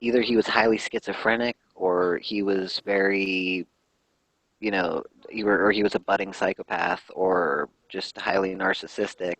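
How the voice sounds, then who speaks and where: A man's voice: low-pitched, steady tone, moderate pace, a bit bright, breathy edge, dry recording, poor audio. A man in casual voice-call chat, hesitant and full of fillers. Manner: hesitant, filler-heavy, restarts.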